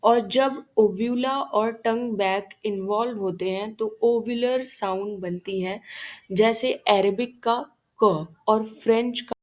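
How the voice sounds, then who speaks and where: A woman's voice: on the high side, a little mellow. A woman teaching an exam-prep phonetics lesson, reading out questions and answers. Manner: slow deliberate English questions, quicker Hindi explanation. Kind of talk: exam-prep lecture mixing Hindi and English.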